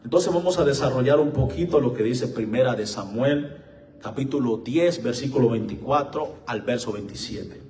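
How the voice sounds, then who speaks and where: A man preaching a live-streamed sermon, slow and emphatic, his voice swelling as he reads scripture and repeatedly addressing listeners as brothers and friends. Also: medium pitch, a little mellow. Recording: echoey room, mic far off.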